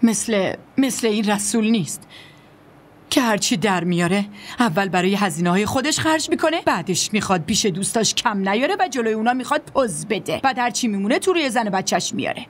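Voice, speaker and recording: A woman's voice: medium pitch, lively intonation, a little hiss or hum, natural voice. A woman dubbing a bitter young wife who complains sharply and resentfully. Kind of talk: Persian dubbing of a drama series. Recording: voice over loud music.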